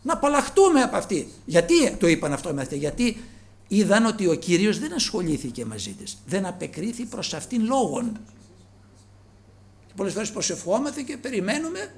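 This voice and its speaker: A man delivers an earnest sermon in a strikingly high voice. He drops low and quiet, then lifts his voice as he calls on his listeners as brothers. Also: wildly swooping pitch. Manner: earnest, addresses listeners as brothers, swings between soft and raised. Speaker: preacher.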